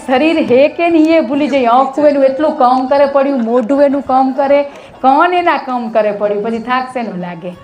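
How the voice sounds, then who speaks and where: A woman gives a devotional sermon in a conversational storytelling style. Her voice sits at a middle pitch and echoes around the room, with soft music playing behind her. She keeps checking in with her listeners as she talks. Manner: conversational, often asks listeners "hem?". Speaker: satsang speaker.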